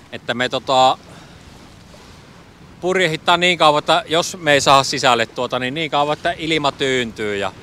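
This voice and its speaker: A middle-aged Finnish man, a sailing vlogger, talks casually about his sailing trip into an action camera mounted on the boat, thinking out loud with lots of fillers. His voice is medium-pitched, pushed and bright. He sits in a sailboat cockpit under a canopy outdoors, with wind and water noise in the background.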